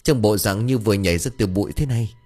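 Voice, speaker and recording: A man voicing a middle-aged village man who calls out in a friendly, relieved way on a dark road. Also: fairly low pitch, quick pace, soft background music, lightly acted.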